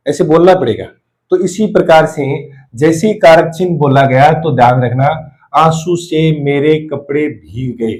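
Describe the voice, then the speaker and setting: Man teaching grammar, slightly high voice. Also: low-quality recording. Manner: repeats key terms, drills example sentences slowly. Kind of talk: exam-prep grammar lesson.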